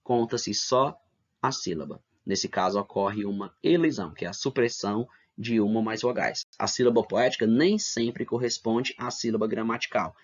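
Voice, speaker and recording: A man with a lowish voice teaches a middle school class online at a moderate pace. He explains things step by step, poses rhetorical questions, and checks in with "né?" and "tá bom?". The recording sounds dull and lo-fi.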